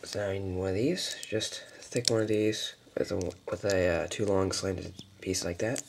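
A man giving casual step-by-step building instructions off camera, halting, with fillers and mild mutters. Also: low voice, fairly even intonation, gravelly, a little hiss or hum. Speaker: toy building tutorial maker. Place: indoors at a table.

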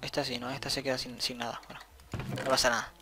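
A man giving casual, excitable let's-play commentary, thinking aloud as he plays. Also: medium pitch, quick pace, noisy background. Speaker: gameplay commentator.

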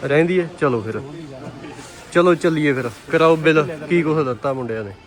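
A man's voice: on the high side, fairly quick. A man with a Punjabi accent vlogging casually and joking heartily with his friends as he shops. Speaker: vlogger and cameraman. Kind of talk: casual shopping vlog chat.

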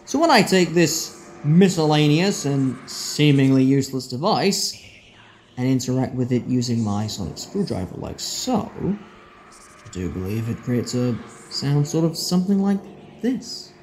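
An actor playing a clever, defiant time-travelling hero in an audio drama, with a deliberate, theatrical delivery. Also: male voice, medium pitch, very animated, a little mellow, a little hiss or hum.

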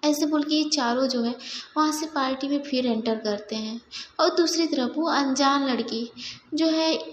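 A woman's voice: high-pitched, a little slow. Young woman storyteller, chatty narration, echoey room with faint hum. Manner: conversational, mixes in English. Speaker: storyteller, channel host.

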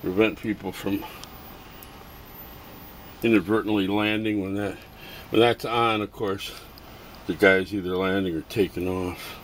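In a cluttered home workshop and garage, a middle-aged toy customizer casually presents his toys and crafts to a handheld camera he holds himself. His voice is low-pitched and steady, and his talk rambles in a halting, self-amused way. The audio is noisy.

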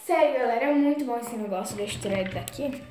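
A woman's voice: a little high, fast, dark tone, distant mic, faint music behind. Chatty young woman in an echoey room. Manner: chatty, exclaims a lot, keeps saying "galera". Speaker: vlogger. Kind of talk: casual vlog, reading out messages. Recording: very echoey room, voice off-mic, faint noise.

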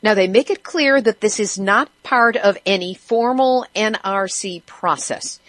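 A woman's voice: mid-range voice, a little slow, a bit bright, no echo. A woman hosting a radio show who reads news items and adds sarcastic, wry asides. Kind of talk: news commentary.

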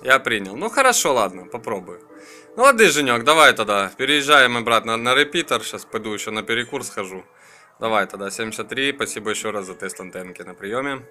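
Expressive, pushed and bright, a man's mid-range voice moves a little fast while faint music plays behind. He's an amateur radio operator running an antenna test, chatting casually in colloquial language and clipped radio phrases.

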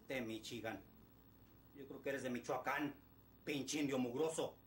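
A man's voice: medium pitch, slow pace, slight background noise, close to an everyday voice. A middle-aged man with a Mexican Spanish accent playing a ruthless, foul-mouthed kidnapper boss who barks orders and threats. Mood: menacing. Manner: barking orders, insulting and threatening. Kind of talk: low-budget film acting. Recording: echoey room with music underneath.

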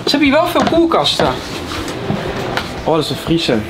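A man's voice: sits high, wildly swooping pitch, fairly quick, noisy background. A man in his twenties with a Netherlands Dutch accent gives casual vlog commentary to a handheld camera in a large shop. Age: 20s. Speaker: vlog host. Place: large empty supermarket indoors. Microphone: handheld camera at arm's length. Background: music.

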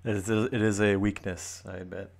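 Deep-voiced American man, wry. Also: level tone, normal speed, gravelly, a little mellow. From United States. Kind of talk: casual podcast discussion.

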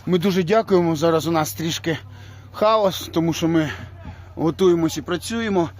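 A man, a soldier, sends thanks in a casual video message from a military position, talking warmly with fond diminutive words. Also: on the high side, normal speed. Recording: noisy field video clip.

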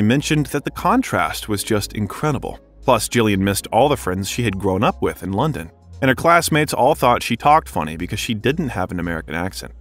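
A man narrating a scripted biography documentary, reading smoothly with a steady, even delivery. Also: on the low side.

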